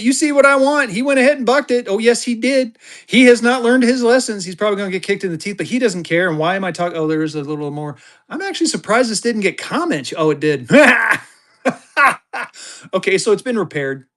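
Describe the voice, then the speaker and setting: A tired man runs a live banknote auction on a stream, hyping bids in quick bursts and referring to himself in the third person. His voice is extremely high-pitched with a fairly bright tone.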